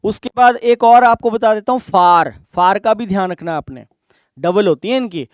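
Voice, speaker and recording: A man's voice: high voice, moderate pace, clear, resonant tone, dry recording, studio quality. A man with an Indian accent teaching an exam-prep grammar lesson, explaining step by step and checking in with the students. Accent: Indian English. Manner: explains patiently, asks rhetorical checks.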